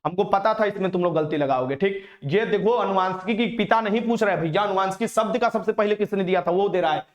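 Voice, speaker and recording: A man's voice: high-pitched, fast talker, dull audio. A man teaching a live exam-prep quiz, repeating each question and teasing his students. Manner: teasing, repeats questions, mixes in English words. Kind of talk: live online quiz lesson.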